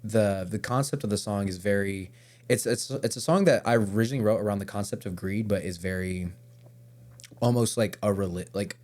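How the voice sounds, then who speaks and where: Male metal vocalist guest, lowish voice, rambling casual delivery. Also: a little fast, darkish tone. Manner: loose, rambling, restarts mid-sentence. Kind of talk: casual interview chat.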